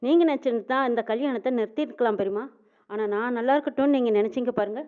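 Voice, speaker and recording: A woman quickly retelling a TV serial episode, voicing each character's lines in her own storytelling voice. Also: a little high. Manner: quick storytelling with reported speech. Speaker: serial recap narrator. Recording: phone-like narrow sound.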